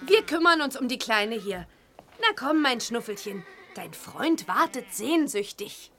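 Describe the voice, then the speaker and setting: A woman's voice: a little high, very animated, unhurried, a bit bright, faint music behind, heavily acted. A woman playing a cheerful, impulsive teenage witch girl in a children's audio drama, perky and playful.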